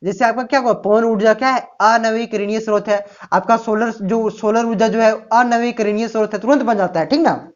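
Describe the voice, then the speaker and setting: This exam-prep lesson comes from a woman whose higher voice moves briskly, with hardly any pauses. She asks questions and answers them herself, using rhetorical explanation and the recurring phrases "ठीक ना" and "प्यारे बच्चों", all captured in dull lo-fi sound.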